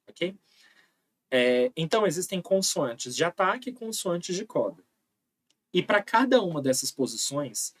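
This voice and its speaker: A man's voice: fairly high pitch, a bit bright, slightly rough. A man giving an online phonology lesson, explaining patiently and often checking in with "tá?". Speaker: linguistics teacher.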